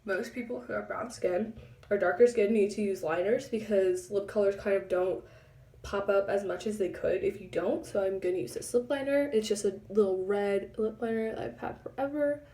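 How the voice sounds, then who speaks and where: A young woman giving a chatty makeup tutorial, pausing as she concentrates. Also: mid-range voice, fairly even intonation, dark tone, recorded from a distance. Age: young adult. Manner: chatty, halting while concentrating. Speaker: beauty vlogger. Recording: echoey room, a bit off-mic.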